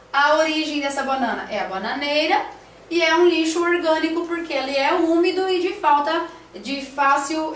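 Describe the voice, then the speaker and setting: A woman's voice: high voice, a bit bright, echoey room, distant mic, a little hiss or hum. A woman teacher talking through a classroom lesson plan, hesitant, with many fillers and tag questions.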